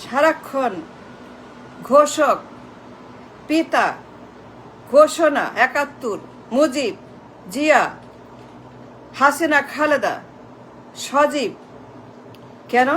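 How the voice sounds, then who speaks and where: High-pitched woman going on a mocking political rant, slow and drawn out, faint hiss behind. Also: fairly bright tone, low-quality recording. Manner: repetitive, mocking, mixing in English phrases. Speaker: political commentator.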